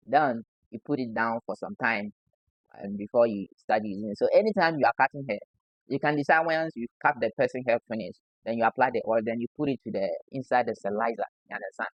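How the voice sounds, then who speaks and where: A man's voice: mid-range voice, quick pace, no room sound, highs cut off. A man from Ghana with a Ghanaian English accent, a barber giving a casual hands-on demo who keeps asking "you understand?". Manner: repeats "you understand?" as a constant check-in.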